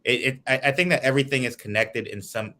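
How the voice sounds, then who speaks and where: Earnest man from Guyana, bright voice. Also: medium pitch, quick pace. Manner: earnest, explains at length. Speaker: political candidate. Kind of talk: interview answers. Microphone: video call.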